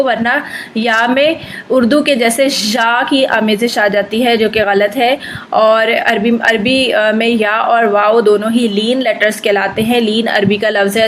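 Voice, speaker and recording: Woman recitation teacher, higher voice, patient explainer, faint hiss behind. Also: rough recording. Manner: patient, explanatory, slow drawn-out model syllables.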